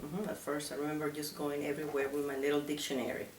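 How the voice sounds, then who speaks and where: A woman's voice: low voice, completely flat delivery, quick pace, recorded from a distance. A woman in her fifties from Venezuela with a Venezuelan Spanish accent, a native Spanish speaker answering interview questions in a hesitant, thoughtful way. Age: 50s. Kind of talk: casual interview. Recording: echoey room, from the mic, faint hiss.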